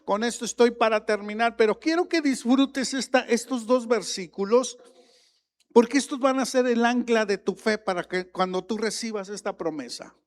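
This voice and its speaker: A man preaching a sermon as pastor, emphatic and growing louder on key points. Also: very high-pitched, moderate pace. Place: church sanctuary. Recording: long reverb of a large hall.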